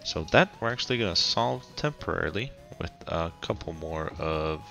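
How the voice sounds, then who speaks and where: A man from Colorado with a very low voice gives casual gameplay commentary on his city build, relaxed and halting with frequent ums and restarts. His voice is raspy as he recovers from a cold, yet his tone is bright and forward, with soft music behind him.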